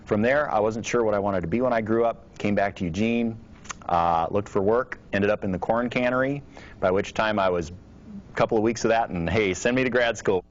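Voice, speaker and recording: A man's voice: lowish voice, moderate pace. A man who grew up in Oregon, an astronaut, speaking with dry, wry humor in a documentary interview. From Oregon, USA. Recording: dull lo-fi recording.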